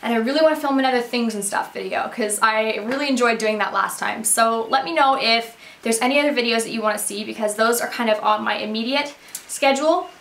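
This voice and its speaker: A woman's voice: fairly high pitch, fairly quick, creaky, fairly bright tone, slight background noise. Bubbly young woman chatting in an echoey room. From Canada. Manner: bubbly, chatty, rambling with fillers. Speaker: beauty vlogger. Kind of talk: casual catch-up chat to camera. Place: bedroom beauty room, indoors.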